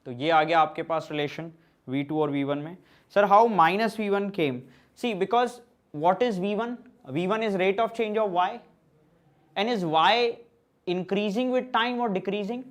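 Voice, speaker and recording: In an online physics class, a slow-speaking man with a high voice reads student questions aloud and answers them. He is from central India and switches between Hindi and English.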